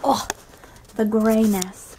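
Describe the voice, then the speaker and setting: Young female vlogger, slightly high voice, informal rambling chat, recorded at home with background noise. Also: flat delivery, warm tone. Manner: informal, drawn-out asides with frequent "like" and "kinda". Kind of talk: casual daily vlog chat. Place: at home, indoors.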